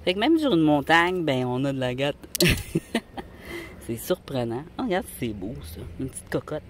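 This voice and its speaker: A woman's voice: sits low, very animated, normal speed, slight background noise. A woman with a Québécois accent, chatting casually to viewers while hunting rocks outdoors with a handheld phone. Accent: Québécois French. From Quebec. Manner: chatty and rambling, talks to viewers. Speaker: rock-hunting vlogger. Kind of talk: casual outdoor vlog narration. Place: outdoors on a mountain. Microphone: handheld phone camera.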